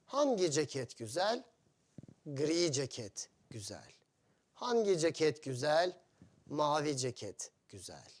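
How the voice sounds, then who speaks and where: A male teacher speaks very slowly, one short phrase at a time, with a lively voice that rises and falls widely. He sits fairly high for a man and repeats each example patiently for foreign learners. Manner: slow, simple phrasing with many repetitions and questions to learners. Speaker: Turkish teacher. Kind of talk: language lesson for foreign learners.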